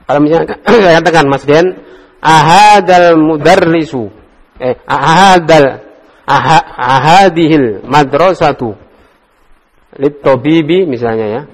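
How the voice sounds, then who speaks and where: A man teaching an Arabic grammar class, calling on students in turn and patiently talking through each answer. His voice sits a little higher than most men's. The room recording carries a long, ringing reverb. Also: takes it slowly. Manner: quizzes students in turn, explains patiently, jokes and laughs. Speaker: religious teacher. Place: classroom study circle.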